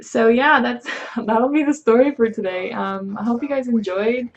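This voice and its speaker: Chatty young woman with a gravelly voice. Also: fairly high pitch, normal speed, lo-fi sound. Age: young adult. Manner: chatty, lots of fillers, acts out quotes. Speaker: vlogger. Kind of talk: casual storytime.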